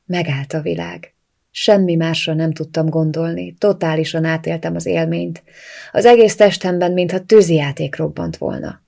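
A reader narrating a first-person novel in a quiet, subdued way. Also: medium pitch, vocal fry, breathy edge.

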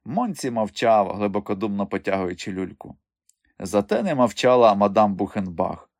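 A man narrating an audiobook in an expressive storytelling manner at a close studio mic. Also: lowish voice, normal speed, no room sound. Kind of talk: scripted narration.

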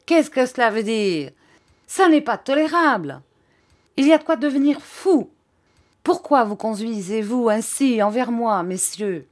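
A woman's voice: lowish voice, measured pace, a little mellow, natural voice. A woman reading an audiobook, voicing an agitated male schoolmaster who raises his voice in trembling outbursts. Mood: outraged.

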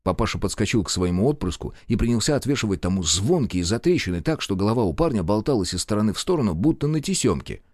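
A man narrating an audiobook in an expressive storytelling manner, voicing all the characters. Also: lowish voice, fast, hardly any pauses, no echo, studio quality. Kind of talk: scripted narration.

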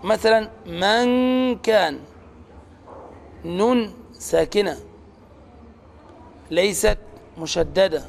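A man with a high voice teaches the rules of Quran recitation. He explains step by step and stretches out words to demonstrate each sound. A faint hiss runs under the recording. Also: vocal fry. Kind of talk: tajweed lesson.

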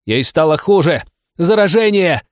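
A man voicing a furious young woman thug with a bat, shouting threats in an audiobook. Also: mid-range voice, flat delivery, moderate pace, clear, resonant tone, no echo, clean studio sound, natural voice.

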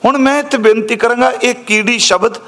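High-voiced man explaining scripture slowly. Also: a bit bright. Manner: explains word by word, slowing on verses. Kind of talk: scripture commentary.

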